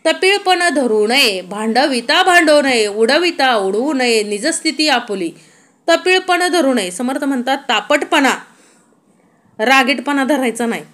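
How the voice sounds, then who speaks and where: A woman giving a devotional discourse, reciting verses slowly and then explaining them in a conversational way with rhetorical questions. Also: a little high, a bit bright. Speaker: spiritual lecturer.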